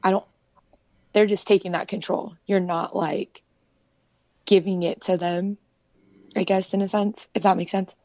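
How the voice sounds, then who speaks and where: A woman's voice: medium pitch, steady tone, a little slow, long pauses, darkish tone, dry recording. A young woman in a casual group chat, speaking thoughtfully and hesitantly with many fillers. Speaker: guest.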